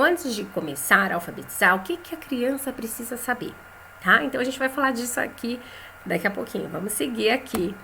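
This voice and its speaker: A woman's voice: fairly high pitch, fairly bright tone, a little hiss or hum. Chatty Brazilian woman teaching a lesson. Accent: Brazilian Portuguese. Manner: conversational, tags phrases with "né?"; says example words slowly and clearly.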